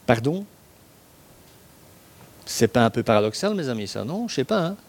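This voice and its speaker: A man's voice: mid-range voice, big pitch swings, moderate pace. A man preaching a sermon on a Bible passage, talking in a conversational way with asides and rhetorical questions to his listeners.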